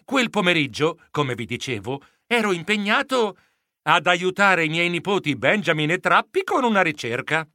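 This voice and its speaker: A man narrating a children's storybook in the first person as a fussy, flustered mouse editor, in an animated, comically flustered manner. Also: sits high, normal speed, no echo, studio quality. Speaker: audiobook narrator.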